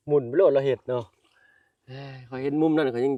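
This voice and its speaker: A man's voice: medium pitch, fairly even intonation, moderate pace, no room sound, muffled recording. A man with a northeastern Thai Isan accent narrating a casual vlog outdoors in a village, chatting with the people he meets and addressing his viewers as brothers and sisters. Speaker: vlogger. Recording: dry sound, voice at a distance from the mic.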